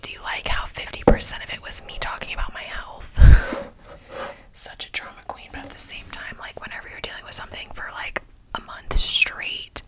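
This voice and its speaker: A young woman whispering a rambling, casual vlog chat full of fillers, close to the mic. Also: poor audio. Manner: whispering throughout, chatty and rambling with many fillers. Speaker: vlogger.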